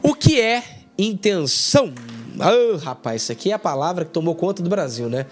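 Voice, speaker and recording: A man from Brazil teaching an online Bible lesson as a pastor, emphatic and animated, acting out dialogue. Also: high voice, moderate pace, faint music behind.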